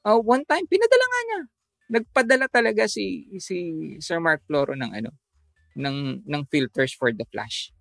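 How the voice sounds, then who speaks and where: A man, a photographer guest, telling a story in casual chat, halting with many fillers and restarts. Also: a little high, creaky, fairly bright tone, no room sound.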